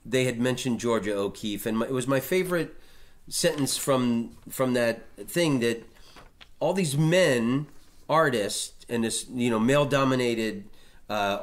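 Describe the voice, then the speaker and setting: A middle-aged man hosting a podcast, chatting casually about art history with many restarts and fillers. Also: medium pitch. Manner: rambling, frequent restarts and fillers. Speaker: podcast host.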